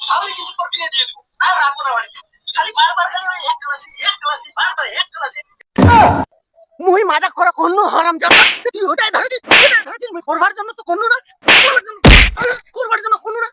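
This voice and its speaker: Lady doing an angry dad yelling at his son, fast, lots of noise behind. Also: very high-pitched. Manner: shouting, scolding, repeats insults. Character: angry father scolding his failing son. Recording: loud noisy background.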